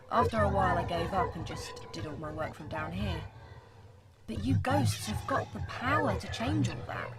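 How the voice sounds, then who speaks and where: A woman's voice: mid-range voice, natural voice. A woman playing Death, a weary, irritable underworld boss with an informal, exasperated manner in an audio drama. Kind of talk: scripted audio drama acting.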